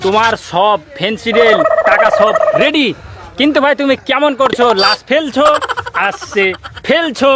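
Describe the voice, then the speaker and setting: A man's voice: extremely high pitch, normal speed, heavy background noise. A man playing a crafty schemer in an amateur comedy skit. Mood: cajoling. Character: crafty, scheming man hiding corpses and fooling a drunkard. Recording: loud music over dialogue.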